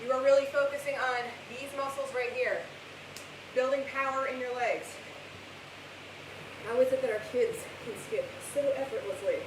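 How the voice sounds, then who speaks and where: A woman with a fairly high voice leads a workout, exerting herself as she gives cues and motivating countdowns. She is some way from the mic in a very echoey room, with clear hiss over the recording. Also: steady tone, normal speed, pauses often, distant mic. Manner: exerting herself while talking through the exercises. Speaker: fitness instructor leading a home workout class. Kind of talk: live workout coaching.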